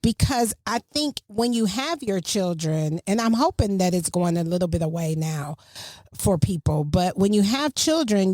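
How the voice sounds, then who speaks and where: Giving parents advice in a casual, motherly chat, a middle-aged woman hosting a podcast drifts into preachy asides now and then. Her medium-pitched voice is a little mellow, captured in a dry, studio-quality recording.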